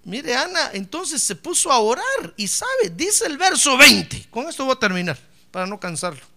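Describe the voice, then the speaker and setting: High, gravelly preacher man. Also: huge pitch swings, normal speed. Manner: emphatic, repeats words, swings from hushed to loud. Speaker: pastor. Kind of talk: sermon.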